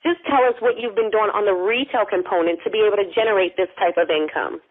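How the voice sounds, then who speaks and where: A woman's voice: medium pitch, quick pace. Effusive woman hosting over a phone line. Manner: effusive, addresses listeners directly, long run-on sentences. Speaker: host of a conference call. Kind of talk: promotional conference call hosting. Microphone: telephone.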